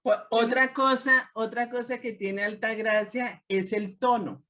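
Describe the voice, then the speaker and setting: A woman leading a women's discipleship class, teaching in a lively way and acting out quoted speech. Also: a little high, unhurried. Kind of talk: teaching a group discussion.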